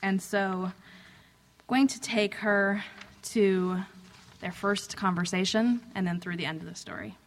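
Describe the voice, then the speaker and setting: A woman reading fiction aloud to a live audience, measured and unhurried, with soft "um"s in her asides between passages. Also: medium pitch, fairly even intonation. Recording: long hall reverb.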